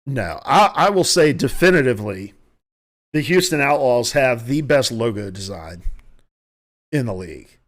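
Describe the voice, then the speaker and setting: A man's voice: mid-range voice, lively intonation, a little slow. A man with a noticeable country accent, hosting a podcast and giving casual, rambling, opinionated commentary from home, often restarting his sentences. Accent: Southern US country. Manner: rambling, self-correcting, opinionated. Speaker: podcast host.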